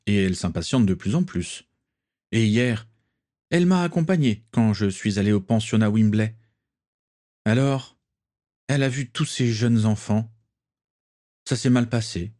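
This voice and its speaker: A man's voice: mid-range voice, expressive, unhurried, long pauses, darkish tone, pitched above the performer's own voice, lightly acted. A man voicing Lucius, a proud, haughty young aristocratic wizard who speaks dismissively.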